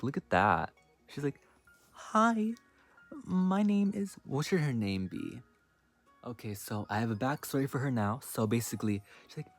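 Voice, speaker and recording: A man's voice: lowish voice, a little mellow. A man chatting casually through an unboxing, rambling with many fillers and restarts. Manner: rambling, filler-heavy talk, lots of "like" and "um". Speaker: doll reviewer.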